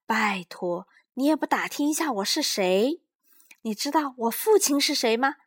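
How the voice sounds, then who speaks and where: A woman voicing a pompous, indignant gentleman in a storybook reading, blustering and shouting. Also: a little high, animated, moderate pace, voice pushed up.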